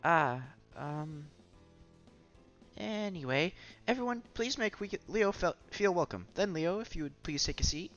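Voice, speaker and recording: A man voicing a clumsy, excitable young female teacher who stammers when flustered. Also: fairly high pitch, a little slow, voice pushed up. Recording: slightly dull with music behind.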